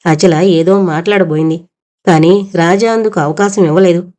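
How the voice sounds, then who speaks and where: A woman narrating a full-length audio novel in a steady, expressive reading. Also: lowish voice, normal speed. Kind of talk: scripted narration.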